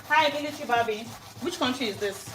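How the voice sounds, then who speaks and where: Woman cooking live at home, chats w viewers, higher voice, kitchen echo. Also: quick pace, pushed and bright, slight background noise. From Nigeria. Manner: chatty, greets live viewers by name. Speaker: cooking livestream host. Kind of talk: casual live cooking stream.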